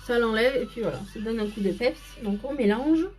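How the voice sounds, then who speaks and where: A woman's voice: a little high, brisk, faint music behind. A woman hosting a casual live makeup stream, chatting to viewers by name and explaining each step as she goes.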